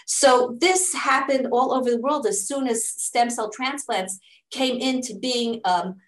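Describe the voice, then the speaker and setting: An unhurried, slightly high voice belongs to a middle-aged woman, a native English speaker living in Israel who works as a charity fundraising director. Interviewed about her charity's work, she answers earnestly and step by step, restarting frequently. The recording is reverberant and rough.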